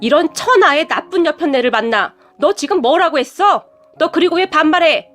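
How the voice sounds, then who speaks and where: A woman voicing a feisty middle-aged mother who shouts and scolds in a story. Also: high-pitched, expressive, normal speed, soft background music. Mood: yelling. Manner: shouting, bossy, wailing.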